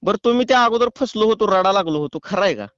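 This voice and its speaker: A man making a prank phone call, calm and teasing in a mock-official way. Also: sits high, fast, clear, resonant tone, no room sound. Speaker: prank caller.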